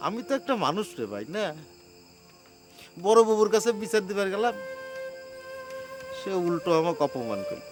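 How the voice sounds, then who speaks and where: A man's voice: sits high, very animated, moderate pace, long pauses, music in the background. An actor playing a weary, put-upon village man, complaining in a television drama. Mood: aggrieved. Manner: complaining, self-pitying.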